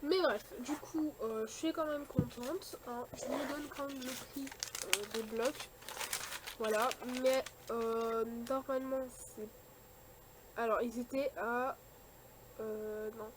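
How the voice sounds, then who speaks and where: Chatty young Frenchwoman, higher voice. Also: fairly even intonation, noisy background. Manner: chatty, many fillers and restarts, quick likes and dislikes. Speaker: vlogger showing a shopping haul. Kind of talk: casual chat.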